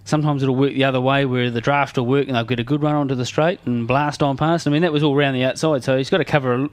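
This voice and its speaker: A man's voice: medium pitch, fairly even intonation, fast. A man giving conversational motorsport analysis as co-commentator, hesitantly rephrasing as he goes.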